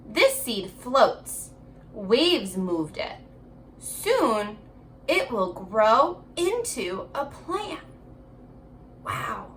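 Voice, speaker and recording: An elementary school teacher with a high, animated voice leads a remote reading lesson for young children, switching between slow read-aloud passages and chatty prompts. She speaks straight to her young pupils, encouraging them and asking questions. A faint hiss or hum runs underneath.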